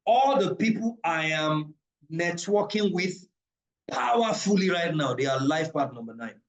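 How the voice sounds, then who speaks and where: A man's voice: a little high, expressive, measured pace, poor audio. A man, from Africa, teaching numerology and esoteric ideas in a live online class, taking questions and stressing points by repeating them. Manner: emphatic, repeats key phrases, preacher-like.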